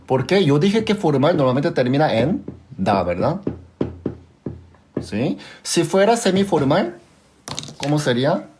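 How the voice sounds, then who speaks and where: There's background noise as a man with a Korean accent leads a live language class, his voice on the high side and very animated. He takes his time, leaving long pauses, repeating examples patiently and regularly asking whether students understood.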